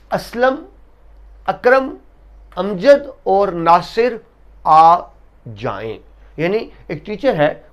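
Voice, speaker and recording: A man teaching an Urdu grammar lesson to students, speaking slowly and emphatically, stretching key words and repeating terms so they stick. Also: high-pitched, highs cut off. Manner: addresses students directly, repeats terms for drilling. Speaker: Urdu lecturer. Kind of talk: classroom grammar lecture.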